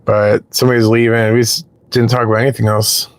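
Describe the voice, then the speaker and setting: A man's voice: mid-range voice, flat delivery, quick pace. A man chatting casually with his live-stream viewers while waiting for rides in his parked car, rambling and swearing freely.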